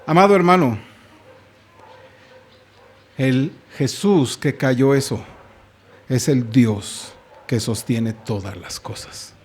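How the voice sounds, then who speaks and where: A man's voice: mid-range voice, slow, long pauses. A man with a Mexican accent preaching a sermon in a church, telling the story dramatically and putting questions to the congregation. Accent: Mexican Spanish. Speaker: pastor.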